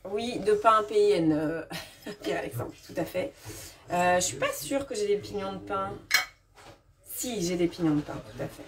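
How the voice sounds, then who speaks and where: In her home kitchen, a woman with an expressive mid-range voice and normal pacing runs a live-stream cooking demo, chatting casually, restarting often, using fillers, and answering viewers. Crowd noise is present, and a distant mic captures kitchen clatter with clinking dishes and utensils.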